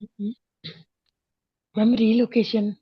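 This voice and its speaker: A woman's voice: fairly high pitch, level tone, slow pace, slightly rough, no echo. A woman answering as a student, hesitant and brief, with many fillers. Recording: dull, dry classroom mic.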